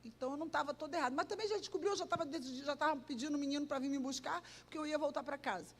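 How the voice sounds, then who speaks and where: A woman pastor with a Rio de Janeiro accent tells stories from the pulpit, voicing the people in them and sometimes singing a line. Her voice sits high, and it rings out in a church hall with a long echo. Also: racing, slight background noise. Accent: Rio de Janeiro Portuguese. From Brazil. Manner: animated storytelling, acts out dialogue, sings bits. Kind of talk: sermon with personal anecdotes.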